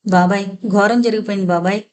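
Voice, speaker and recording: A devastated man in a suspense audio novel, voiced by a woman, grave and close to wailing. The voice sits at a middle pitch. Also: fairly even intonation, fast, slight background noise, natural voice. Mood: grief-stricken. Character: grief-stricken man bringing bad news.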